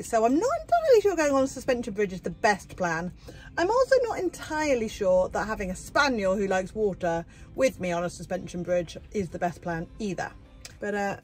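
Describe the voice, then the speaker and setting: A woman in her thirties vlogging from inside a motorhome, chatty and excitable, talking to herself and her dog. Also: medium pitch. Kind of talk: casual vlog narration to camera. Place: inside a motorhome, partly while driving.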